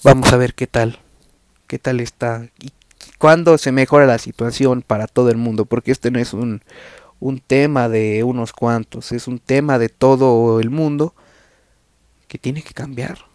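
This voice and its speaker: A man's voice: medium pitch, fairly even intonation, a little slow, darkish tone, dry recording. Slangy young Mexican man, dry sound. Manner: crude slangy banter. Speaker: podcast host. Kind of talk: casual rambling monologue.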